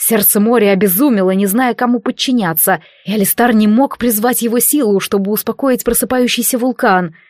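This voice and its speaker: A woman's voice: fairly high pitch, a little mellow, dry recording, clean studio sound. Woman narrating a dramatic audiobook. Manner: measured, dramatic reading.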